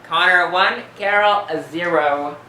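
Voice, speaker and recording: A man's voice: high voice, measured pace, sharp tone, distant mic, slight background noise, heavily acted. Man playing a sarcastic, teasing young guy. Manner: dry mocking wit. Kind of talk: comedy web series acting. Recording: roomy echo, heard from off the mic.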